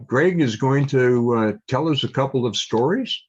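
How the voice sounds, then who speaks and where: An older man leads a club meeting and reads out the news and dates in an average-pitched voice, full of ums and uhs. The sound is a little dull and lo-fi. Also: animated, darkish tone, husky. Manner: halting, many ums and uhs. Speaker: meeting host.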